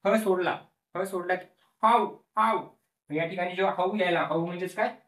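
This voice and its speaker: A man's voice: high voice, normal speed, fairly bright tone. A male teacher explaining a lesson, repeating each word several times and asking the class questions that he then answers himself. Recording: echoey room, voice from a distance.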